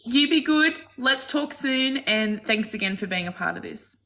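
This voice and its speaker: A woman hosts a relaxed online chat show. Her voice is bright and forward, and she is affectionate, calling people darling and sweetheart. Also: a little high, normal speed. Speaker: host. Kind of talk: casual chat.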